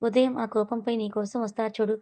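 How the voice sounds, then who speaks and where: A woman storyteller voicing a gentle young sister-in-law soothing a crying bride. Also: fairly high pitch, flat delivery, brisk, no room sound, natural voice. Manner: soothing and reassuring.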